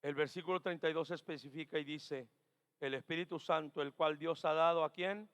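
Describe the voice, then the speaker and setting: A man preaching a Pentecostal sermon as pastor, dropping to quiet murmurs, then rising to shouted exhortations, and repeating key phrases. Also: a little high, fairly even intonation, brisk. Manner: acts out doubting churchgoers' questions. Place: church sanctuary. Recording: reverberant church hall.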